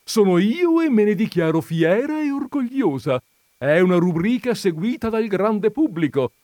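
A proud, easily offended noblewoman who writes for a society magazine, her voice pitched up and swooping with outrage, as a male narrator puts her on. She talks slowly and theatrically, every reply full of wounded pride, in a dry, close recording of a comic audiobook. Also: very animated, darkish tone, no room sound, exaggerated voice. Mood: indignant. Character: haughty indignant noble lady columnist, proud and touchy. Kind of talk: audiobook reading of a comic story.

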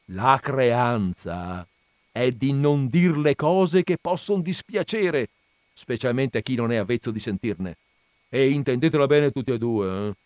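A man's voice: mid-range voice, darkish tone, dry recording, lightly acted. A man voicing a timid, fretful elderly village priest who scolds in a frightened hiss and fawns on his betters, in a dry recording. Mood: anxious, obsequious.

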